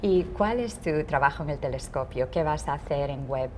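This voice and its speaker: A woman engineer hosting an interview, speaking in a measured, scripted way. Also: low voice, expressive, slight background noise. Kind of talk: hosted interview.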